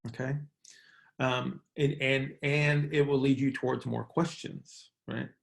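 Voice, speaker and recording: On a casual coaching call, a middle-aged host explains points with emphasis, leaning on repeated key words and asking "right?" often. His mid-range voice is a little slow, carries vocal fry, and barely moves in pitch.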